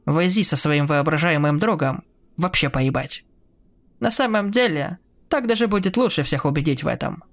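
A man's voice: on the high side, expressive, normal speed, gravelly, fairly bright tone. A man voicing a cold, taunting adult brother who mocks his sibling in a horror story reading. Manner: mocking and sneering.

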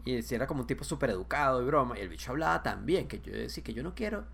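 Fast-talking Venezuelan man. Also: mid-range voice, animated, creaky, fairly bright tone, breathy edge. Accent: Venezuelan Spanish. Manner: chatty, repeats words in bursts. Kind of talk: casual chat.

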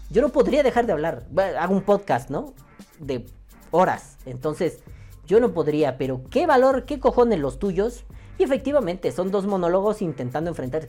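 A woman's voice: lowish voice, mellow. A woman with a Mexican accent hosting a podcast, reading listener comments and answering them in a profane, joking way. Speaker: podcast host.

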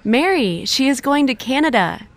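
A woman's voice: sits high, sing-song, measured pace, no room sound, heavily acted. A woman playing a friendly young woman in a scripted lesson dialogue, eager and polite.

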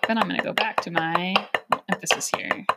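Female drum instructor, calm counting and explaining, loud drumming and clicks behind. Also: on the low side, fast, very noisy. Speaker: drum teacher.

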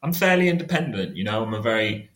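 A man in his late twenties talks casually as a guest on a podcast. His voice is fairly low, and the recording is clearly roomy and echoey. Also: big pitch swings, fast, fairly bright tone. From Cornwall, England. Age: late 20s. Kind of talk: casual conversation.

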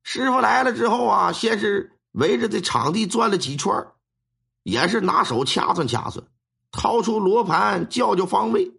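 A man telling a ghost story in a colloquial, lively way, stretching words for emphasis. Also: high voice, moderate pace, creaky, slightly rough. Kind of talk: spoken ghost story narration.

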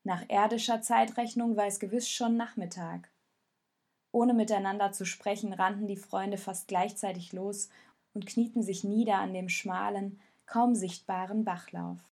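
A woman calmly narrating a storybook in measured audiobook style. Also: medium pitch.

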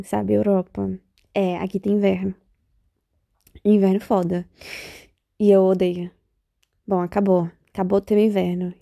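A young woman from Bahia, speaking with a Bahian Brazilian Portuguese accent, hosts a casual solo podcast in a rambling, reflective manner, constantly interrupting herself. Her medium-pitched voice is creaky and warm, recorded cleanly in a studio with no room sound.

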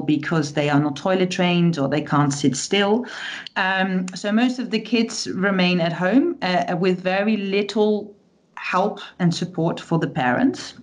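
A woman psychology lecturer explaining her research as a podcast guest, thoughtful with some hesitations. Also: lowish voice. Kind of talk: podcast interview.

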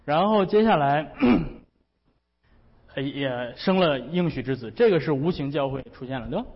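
A male pastor with a slightly high voice, delivering a sermon in a loose, joking, conversational manner. The sound is dull, with a long hall reverb behind the voice. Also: expressive, measured pace, breathy edge. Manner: chatty, humorous, often laughing.

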